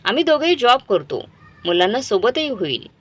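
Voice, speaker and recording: A grown elder son, persuasive and evasive, hurrying to win his parents over, read by a woman storyteller. His voice moves lively in pitch. It is an emotional storybook reading. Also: exaggerated voice. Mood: persuading. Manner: pleading, hurried.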